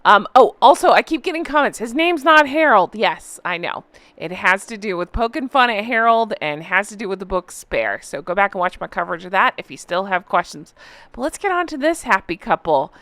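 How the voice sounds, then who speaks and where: A woman's voice: mid-range voice, sing-song, a little fast, a bit bright, no room sound. A woman hosting a gossip recap in a casual, chatty, opinionated way, with a sarcastic, mocking and exclamatory delivery. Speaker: host of a celebrity gossip recap channel.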